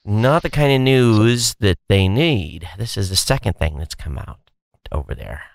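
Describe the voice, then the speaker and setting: A man's voice: fairly low pitch, lively intonation, measured pace, creaky, no room sound. A man co-hosting a podcast in casual chat, talking in a hesitant way with many restarts. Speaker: podcast co-host.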